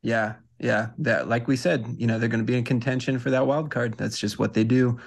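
A man's voice: medium pitch, steady tone, fairly quick, creaky. A man co-hosting a casual sports podcast, easygoing and agreeable, with frequent ums. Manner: easygoing, agreeable, hesitant fillers. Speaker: podcast co-host.

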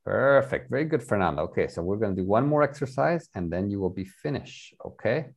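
Male English tutor, patient, lively pitch. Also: brisk, gravelly. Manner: patient, switches between English and Spanish, repeats and explains. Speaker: English teacher. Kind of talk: online bilingual English lesson.

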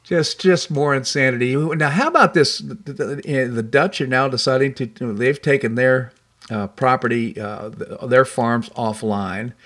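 A man's voice: medium pitch, a little slow, a bit bright. Guy hosting a political chat show, mid-range voice, conversational. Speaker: talk show host.

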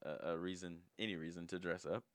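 A man's voice: sits low, steady tone, fast, no room sound. A young man from Alabama co-hosting a podcast, chatting casually in a laid-back, joking way and swearing freely. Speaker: podcast co-host. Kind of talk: casual banter.

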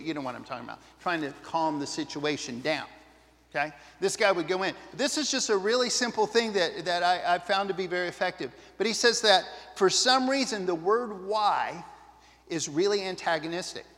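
A man's voice: fairly high pitch, a bit bright, in a large hall. A man preaching a sermon as a pastor, talking in a conversational, earnest way with asides to the congregation.

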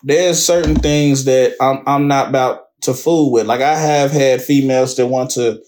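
A man's voice: mid-range voice, fairly even intonation, normal speed, a little mellow, slight background noise. A man co-hosting a casual chat podcast, blunt and playful, speaking with emphasis. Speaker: podcast co-host.

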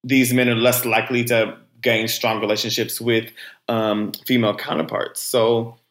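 A man's voice: medium pitch, level tone, a bit bright. A man co-hosting a casual podcast in a studio, loose and joking, drawing out his words as he introduces a topic. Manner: loose, joking, drawn-out delivery. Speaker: podcast co-host. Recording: echoey room.

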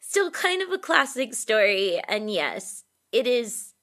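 A woman with a high, lively, bright voice hosts a casual conversation, talking slowly and answering her guest with laughs and quick reactions. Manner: reacts with laughter and short replies. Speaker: host. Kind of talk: casual chat.

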